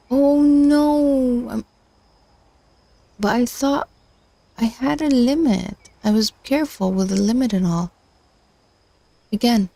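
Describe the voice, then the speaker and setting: A woman with a medium-pitched, warm voice is heard in a dry recording. She hosts a relaxed livestream as she learns machine learning, her voice wearing out while she hesitantly reasons to herself through frequent fillers and false starts.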